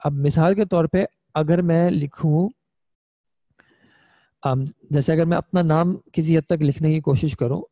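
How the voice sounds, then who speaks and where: A man's voice: on the high side, fairly even intonation, unhurried, dark tone, dry recording, dull audio. Patient male Arabic grammar teacher. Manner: patient, explains step by step, often asks "ठीक है?". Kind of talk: online classroom lesson.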